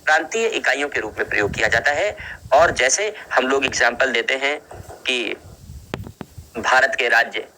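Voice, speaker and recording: A man teaching a lecture to students, repeating key phrases and calling them children, and speaking slowly because of a headache. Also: mid-range voice, vocal fry, bright, forceful tone, rough recording. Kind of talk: classroom lecture.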